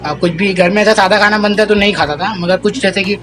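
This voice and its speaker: High-voiced young man chatting at home. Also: quick pace, music in the background. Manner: chatty, mixes in English phrases, coaxing and comforting. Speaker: family vlogger. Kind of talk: casual home vlog. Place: family home, indoors.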